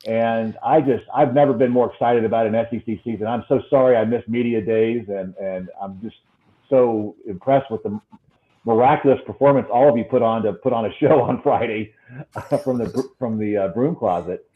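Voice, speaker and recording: A man talks sports over a muffled Bluetooth earpiece that sounds like an echoing tunnel. The line is thin and phone-like, and his pitch sits in the middle. He rambles and restarts his sentences often. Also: moderate pace. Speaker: sports show panelist. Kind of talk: casual sports chat.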